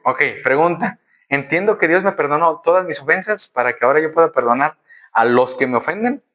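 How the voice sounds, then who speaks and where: A man's voice: a little high, lively intonation, a little fast, pushed and bright. A man. He addresses his listeners as brothers and keeps asking them questions. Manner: addresses congregation as brothers, asks rhetorical questions. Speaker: preacher. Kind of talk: sermon.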